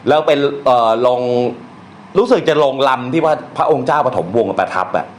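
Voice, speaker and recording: A man's voice: medium pitch, animated, brisk. Blunt, slangy male teacher in a roomy space. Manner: blunt and colloquial, with slang and crude words; recites verse aloud. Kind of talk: casual lecture on Thai poetry. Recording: echoey room, faint noise.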